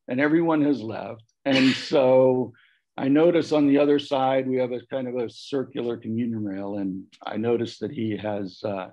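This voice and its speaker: A panel guest with a warm, mid-range voice recalls a personal story in a reflective tone. When quoting other people he shifts his voice, and the recording is muffled and lo-fi.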